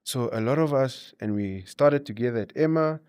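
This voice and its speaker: A man's voice: medium pitch, normal speed, darkish tone, smooth, no room sound. Man explaining things in conversation, dry sound. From Namibia. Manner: explanatory, punctuates with 'you know' and 'you see'. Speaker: entrepreneur, interview guest. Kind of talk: conversational interview advice and storytelling.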